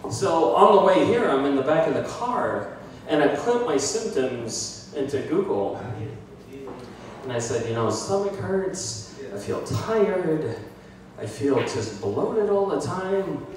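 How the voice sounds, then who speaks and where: A man's voice: fairly high pitch, takes it slowly, a little hiss or hum. A man in his thirties doing a self-deprecating stand-up comedy set in a small bar, with a handheld mic, filmed from the audience. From United States. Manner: self-deprecating, animated, puts on voices for bits. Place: small bar with brick walls, indoors. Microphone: handheld mic, filmed by a phone from the audience. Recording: echoey bar from far off. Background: audience laughter.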